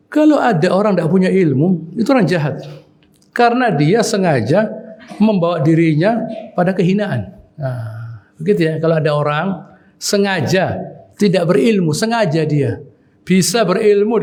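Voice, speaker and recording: High-voiced preacher teaching. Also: male voice, darkish tone. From Indonesia. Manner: conversational, repeats "begitu ya", chuckles while teaching. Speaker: ustad teaching Quran commentary. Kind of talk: weekly mosque sermon. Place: small prayer hall.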